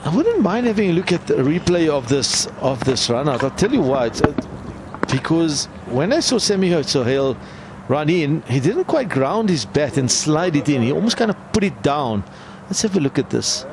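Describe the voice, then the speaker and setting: A man's voice: a little high, very animated, moderate pace, over a noisy crowd, low-quality recording. A man commentating on cricket, explaining the play in a conversational way. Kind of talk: live sports commentary and replay analysis. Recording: loud outdoor and vehicle noise.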